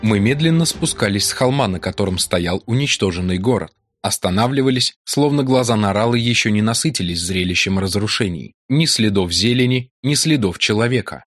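A man narrating a novel in a measured, dramatic audiobook reading. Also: lowish voice, animated, fairly bright tone, no echo, clean studio sound.

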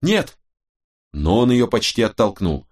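A male narrator reads a novel aloud in a very deep, low voice. The reading is steady and measured throughout. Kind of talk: scripted audiobook narration.

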